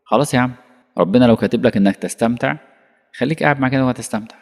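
A man's voice: mid-range voice, racing, gravelly, darkish tone. A man with an Egyptian Arabic accent giving a colloquial religious lesson, full of rhetorical questions and acted-out dialogue. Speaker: preacher. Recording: long hall reverb.

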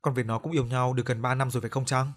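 A middle-aged father , voiced by a man, mourns his only son in an audio horror story. He speaks quietly and sadly, close to the narrator's own voice. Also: mid-range voice, level tone, rapid-fire, lightly acted. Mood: sorrowful. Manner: subdued, sad.

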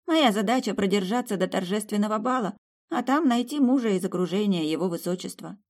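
An audiobook reader voicing a sad young blonde woman who is a worried bride candidate, speaking downcast and quietly resigned. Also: mid-range voice, brisk, voice pushed up, natural voice. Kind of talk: audiobook character voice.

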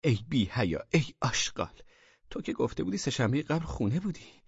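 A man voicing an angry woman scolding her lover, in a shrill, scolding manner, for an audiobook story. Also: sing-song, gravelly, breathy edge, dry recording, dull audio, exaggerated voice.

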